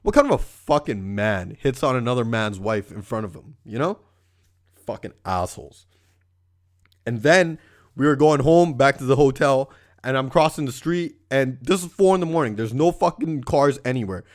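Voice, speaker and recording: A man's voice: medium pitch, animated, moderate pace. A man from Canada hosting a podcast, telling stories in a casual, profane, rambling monologue. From Surrey, Canada. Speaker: podcast host.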